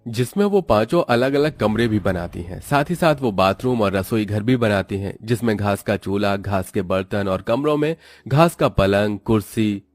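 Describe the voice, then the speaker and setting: A man narrating a cartoon story in a steady, explanatory storytelling manner. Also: lowish voice, moderate pace, hardly any pauses, no room sound.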